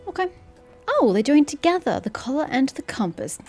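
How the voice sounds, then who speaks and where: A woman's voice: sits high, big pitch swings, normal speed, darkish tone, soft background music. Sarcastic woman commenting on a game. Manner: sarcastic, chatty. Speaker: gamer commentator. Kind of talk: casual gameplay commentary.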